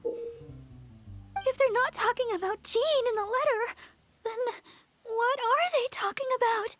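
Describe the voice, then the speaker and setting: A timid young healer with a soft, sweet and very high voice, speaking slowly and haltingly as her nerves show. Faint game music sits underneath. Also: dry recording, exaggerated voice. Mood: anxious. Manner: halting, anxious. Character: gentle young woman healer, timid and easily frightened. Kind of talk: game cutscene voice acting.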